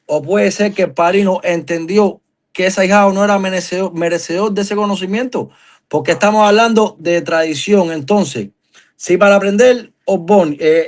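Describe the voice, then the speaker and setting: A Cuban man with a fairly high-pitched voice, talking as a guest on a live stream. He speaks earnestly and with emphasis, stacking up long questions. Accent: Cuban Spanish. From Cuba.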